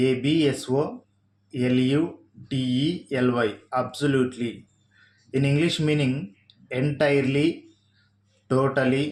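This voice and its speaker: Telugu-accented man teaching vocabulary slowly. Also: mid-range voice, a little mellow. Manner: spells words out letter by letter, slowly. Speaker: English vocabulary tutor. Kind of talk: slow vocabulary lesson.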